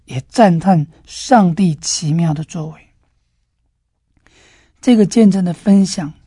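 A woman giving a devotional sermon, telling a story in a gentle, earnest way. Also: mid-range voice, breathy edge, dry recording, studio quality. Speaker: preacher.

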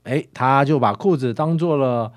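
A man preaching a sermon in a lively storytelling way, sprinkling in soft filler sounds. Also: mid-range voice, moderate pace, no room sound, studio quality.

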